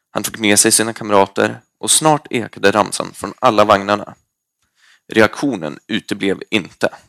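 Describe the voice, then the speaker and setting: A man reading a first-person story aloud in a lively, expressive way. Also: lowish voice, creaky, no echo, clean studio sound. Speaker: audiobook narrator.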